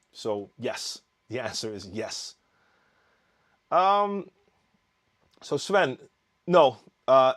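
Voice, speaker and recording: A Dutch-speaking DJ from the Netherlands hosts a laid-back live Q&A, reading out viewers' comments and answering them. His easygoing, rambling talk is peppered with "um"s, fillers and false starts, and his voice sits at an ordinary middle pitch for a man.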